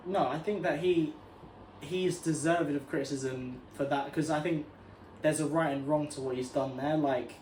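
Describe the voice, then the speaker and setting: A man's voice: fairly high pitch, fairly even intonation, normal speed, a little mellow. A young man co-hosting a podcast in casual chat, thoughtful and hedging his points with "like" and "you know". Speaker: podcast co-host. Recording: roomy with faint noise.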